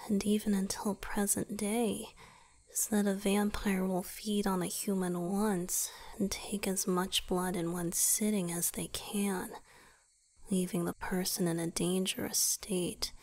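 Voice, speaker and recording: In an intimate ASMR roleplay, a woman voices a gentle, weary male vampire boyfriend, speaking softly and breathily and often whispering. Her mid-range voice holds a steady tone as she explains things tenderly, pausing hesitantly.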